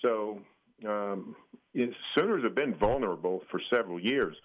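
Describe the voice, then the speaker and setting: An American man giving conversational sports analysis as a guest journalist, measured and matter-of-fact, with pauses. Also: fairly low pitch, animated. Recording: dull band-limited radio call-in sound.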